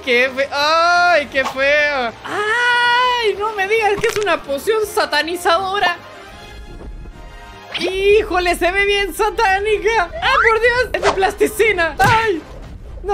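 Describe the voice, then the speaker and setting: A woman doing excited reaction commentary, full of gasps and exclamations. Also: very high voice. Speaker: reaction video host. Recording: background music under the voice.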